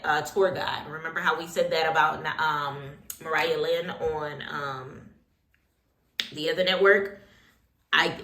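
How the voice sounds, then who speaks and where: Getting ready as she recaps reality TV, a woman of Haitian heritage dishes out sassy, opinionated commentary laced with slang and side remarks. Her voice is deep yet fairly bright, and the room echoes.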